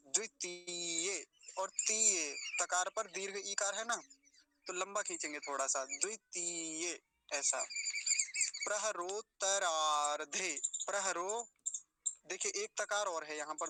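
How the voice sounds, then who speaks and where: A man teaching careful pronunciation, breaking words into syllables and repeating each one slowly. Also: sits high, sharp tone, a little hiss or hum, rough recording. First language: Hindi. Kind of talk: explanatory pronunciation lesson.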